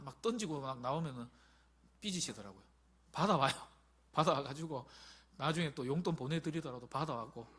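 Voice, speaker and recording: A man in his forties, a pastor preaching a sermon in an animated, emphatic way, with many rhetorical questions to the congregation. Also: fairly high pitch. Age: 40s.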